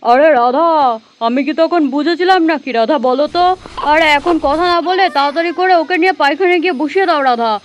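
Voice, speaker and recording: A woman's voice: high-pitched, fast talker, lightly acted. A woman voicing a worried father in a doll story who complains and pleads with his wife. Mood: fretting. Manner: pleading, repeating the wife's name. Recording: faint background noise.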